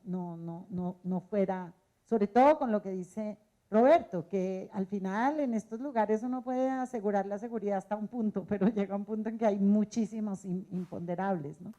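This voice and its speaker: A Colombian woman moderates a panel discussion, asking the guests questions in a conversational way. Her voice is warm and mellow in tone. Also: mid-range voice.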